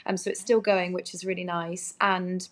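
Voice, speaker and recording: Gushing yet slightly self-deprecating, this woman chats as a musical theatre performer guesting on a relaxed interview. She has a Surrey, Home Counties English accent and a fairly low, flat voice at a normal speed.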